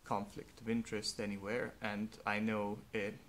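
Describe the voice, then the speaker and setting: Speaking in a fairly low, fairly bright voice with little pitch movement, a young Hungarian-speaking vlogger reflects on personal matters. He is slow, earnest, and thoughtful, with faint background noise in the recording.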